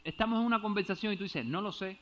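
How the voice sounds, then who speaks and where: A man with a fairly high voice preaches in a church, walking slowly through a Bible verse. He keeps checking whether his listeners follow and trips over Greek words. The recording is dull and lo-fi. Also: a bit bright. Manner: explains step by step, often asks if understood. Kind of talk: Bible teaching sermon.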